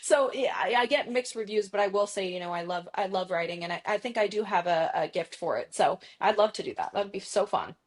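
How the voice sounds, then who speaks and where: A woman's voice: medium pitch, animated, brisk, hardly any pauses. A woman in her thirties talking as an interview guest in a casual, chatty, self-deprecating way, with frequent fillers. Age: 30s. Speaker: guest executive.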